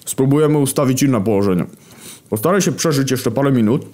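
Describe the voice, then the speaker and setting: A man voicing Famine, a calm, matter-of-fact horseman. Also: lowish voice, moderate pace, voice pushed up, natural voice.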